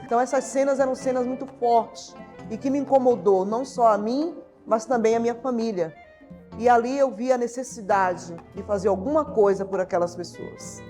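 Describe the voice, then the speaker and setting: A woman's voice: a little high, moderate pace, warm tone, soft background music. Earnest woman pastor. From Salvador, Bahia, Brazil. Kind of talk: documentary testimony.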